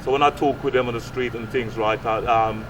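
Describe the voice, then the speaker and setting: A man in his late 60s from Guyana, a youth fitness coach and community mentor, speaks a little fast at medium pitch with fairly even intonation. In a casual interview he talks earnestly and repetitively, often ending phrases with "right?". He's outdoors on an urban street by brick flats, holding a handheld mic at chest level, and the distant mic picks up clear street noise.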